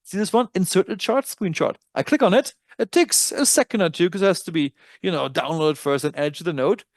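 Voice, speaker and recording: A man's voice: high voice, brisk, no room sound. A man with a German accent presenting a trading dashboard in a webinar, walking through features in a casual, self-correcting way. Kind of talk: software tutorial walkthrough.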